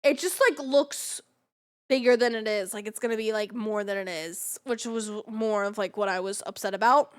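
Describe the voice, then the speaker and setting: A woman's voice: medium pitch, fairly even intonation, normal speed, clean tone. A woman chatting casually on a livestream as a variety game streamer, with a bubbly, cute anime-streamer delivery.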